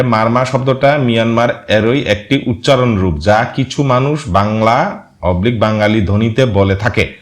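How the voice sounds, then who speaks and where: A man reading viewer comments aloud in casual commentary, pausing often and spelling words out syllable by syllable. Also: medium pitch. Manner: reads slowly, spells out words syllable by syllable, frequent hesitations.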